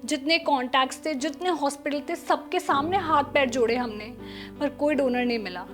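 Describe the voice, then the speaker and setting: An actress playing a kind young daughter-in-law who tries to calm her mother-in-law and defends the maid. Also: high voice, a little fast. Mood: pleading. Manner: soothing, pleading, later indignant. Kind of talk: short film acting. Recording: dialogue with loud background music.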